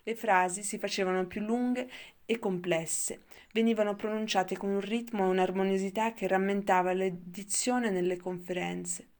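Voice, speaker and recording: A woman narrating a novel in a measured, steady audiobook reading. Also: medium pitch. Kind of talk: scripted literary narration.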